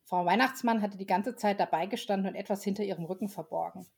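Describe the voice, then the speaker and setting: Female storyteller, relaxed read-aloud, mid-range voice, casual slips. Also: mid-range voice, fast, vocal fry, husky. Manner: relaxed, with small slips and restarts. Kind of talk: reading a children's story aloud.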